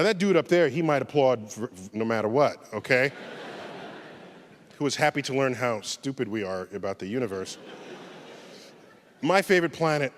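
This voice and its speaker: Animated man lecturing in a hall. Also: medium pitch. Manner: animated, swinging from loud exclaims to hushed musing. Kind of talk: public science lecture. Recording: long hall reverb.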